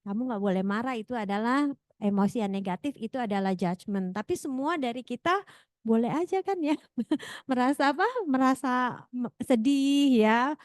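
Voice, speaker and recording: A woman's voice: on the high side, no room sound, clean studio sound. A woman moderating an academic seminar Q&A, reading out questions, friendly and laughing often. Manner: friendly, laughs often, rephrases as she goes.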